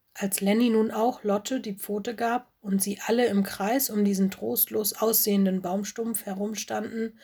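A woman narrating a children's audiobook in a calm, gentle storytelling manner. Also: medium pitch, slightly rough.

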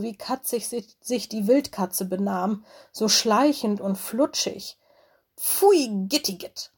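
A woman narrating a children's storybook in a gentle, expressive manner. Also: mid-range voice, slightly rough. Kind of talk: storybook reading.

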